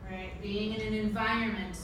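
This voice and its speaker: In a mid-range, level voice at normal speed, a female teacher gives an interactive talk to language students, frequently posing questions and checking understanding with "right?". A distant mic in an echoey room picks up noise.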